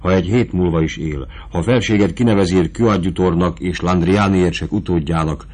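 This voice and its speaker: A man's voice: deep voice, darkish tone, husky. A man reading the part of a proud, desperate duchess in an audiobook, in an urgent, intense manner. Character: proud desperate duchess, woman fearing for her nephew.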